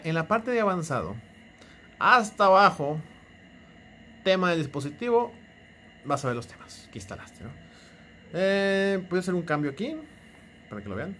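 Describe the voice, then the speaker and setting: A young Mexican man talks through a casual tech tutorial in a bouncy, animated voice that swings up and down a lot. He sits a bit higher than most men and keeps teasing the viewer in a joking, chatty way. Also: a little hiss or hum. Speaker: tech YouTuber.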